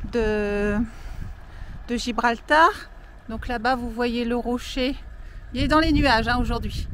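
A middle-aged woman narrates her trip into a handheld camera outdoors, chatty and full of little hesitations. Her voice sits a little high. A faint hum of noise runs behind her. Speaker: vlogger. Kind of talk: casual travel vlog narration. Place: outdoors by a camper truck.

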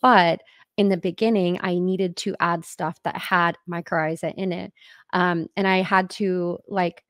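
A woman's voice: on the low side, fairly even intonation, a little slow, fairly bright tone, dry recording, clean studio sound. A woman hosting a casual podcast chat on a video call from home, rambling along with lots of fillers. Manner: chatty and rambling, many fillers. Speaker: podcast host.

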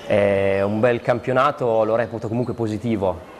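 A man in his thirties from Fano, a futsal player guest answering in a halting way with many fillers, recorded in a TV studio. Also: fairly low pitch, steady tone. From Fano, Italy. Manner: halting, lots of fillers and repeated yeses. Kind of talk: studio interview. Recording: studio with long reverb, faint noise.

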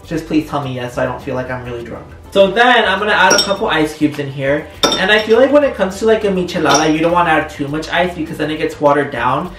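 A man's voice: fairly high pitch, animated, fast talker. A young man chatting casually and joking through a home cooking vlog in his kitchen. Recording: echoey kitchen, distant mic, faint music.

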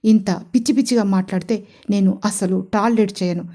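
A woman's voice: mid-range voice, steady tone, brisk, lightly acted. A woman voicing a protective young husband who talks firmly and teases his wife in an audio story. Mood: angry. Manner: firm and forceful. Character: protective, teasing young husband, quick to anger.

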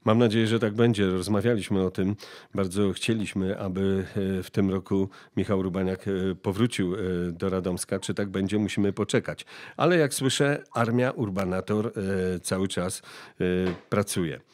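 A man's voice: low-pitched, moderate pace, a little mellow. A male host interviewing a guest by phone, speaking hesitantly with frequent filler sounds. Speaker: radio-style program host.

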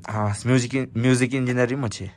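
A man's voice: mid-range voice, steady tone, fast, very noisy. A young man with a Bhutanese accent chats casually and playfully to a vlog camera, slipping between languages and slang. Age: young adult. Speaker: vlogger. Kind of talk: casual vlog chat mixing two languages.

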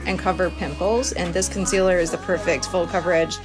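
Sitting by the window of a small cabin room, a woman in her thirties records a relaxed makeup tutorial on a phone at arm's length, chatting informally as she goes, with music playing behind her. Her lowish voice has fairly even intonation and moves a little fast.

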